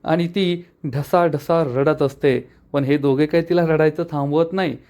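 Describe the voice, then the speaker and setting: A man narrating a recap of a television serial episode in steady, plain storytelling. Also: a little high, measured pace.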